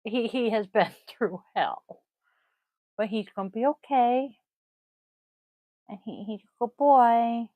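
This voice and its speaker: A woman with a wheezy voice talks at an unhurried, slow pace. She rambles casually and haltingly like a home vlogger, poking fun at herself. The sound is close and dry. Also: on the high side, warm tone, dry recording. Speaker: host of a divination vlog. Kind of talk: casual, rambling chat to viewers. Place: indoors at a desk.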